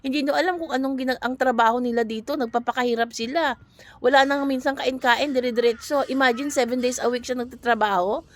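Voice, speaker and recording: In a casual storytelling monologue, a Filipino woman working abroad talks directly to her viewers, earnest and conversational. Her high-pitched voice is fast with fairly even intonation, and she's both an overseas worker and a vlogger.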